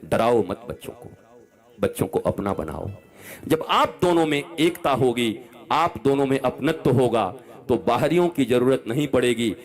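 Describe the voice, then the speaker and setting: A man in his fifties giving an impassioned religious discourse as a spiritual preacher, scolding and swinging between loud outbursts and soft asides to a large gathering. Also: mid-range voice, lively intonation, moderate pace. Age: 50s.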